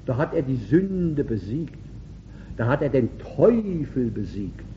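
A man preaches with fervor. His pitch leaps and falls widely, and he swings from loud calls to near-murmurs. The recording sounds dull and lo-fi. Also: big pitch swings, takes it slowly, slight background noise. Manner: emphatic, with sudden swings between loud calls and quiet asides. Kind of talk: sermon.

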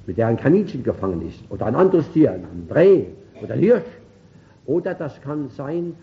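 A man preaches a fervent, emphatic sermon, his pitch leaping and falling widely. He swings suddenly from loud calls to near-murmured asides. The recording is dull and lo-fi.

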